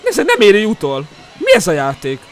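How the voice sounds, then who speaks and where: Excitable young man shouting at a game. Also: high-pitched, faint music behind. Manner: loud, jumpy, shouting at the screen. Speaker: gaming streamer. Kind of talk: excited live game commentary.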